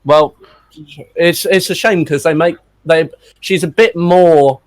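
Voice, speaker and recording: A man's voice: fairly high pitch, slow pace. A man co-hosting a podcast, chatting casually and restarting his thoughts often. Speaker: podcast co-host. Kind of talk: casual chat.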